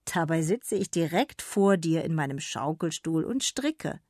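A woman's voice: deep voice, lively intonation, a little slow, no echo, studio quality. A woman doing a giggly old granny. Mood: gentle, amused. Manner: giggly, gentle, soothing. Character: loving old grandmother who knits and giggles.

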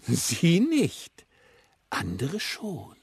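Man putting on a slow, sing-song sage voice, hiss under the recording. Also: on the high side, huge pitch swings, voice pushed up, heavily acted.

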